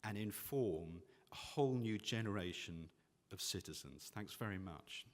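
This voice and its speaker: A man with a fairly low voice delivers the close of his panel talk in a measured, earnest way. The sound carries the long reverb of a conference hall, which softens his words. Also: lively intonation, noisy background.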